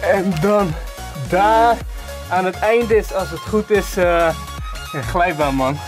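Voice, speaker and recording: Young guy, slightly high voice, upbeat casual vlog chat, handheld cam, music behind. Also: takes it slowly. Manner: upbeat, tags sentences with "man". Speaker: travel vlogger. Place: outdoors and in a parked minivan.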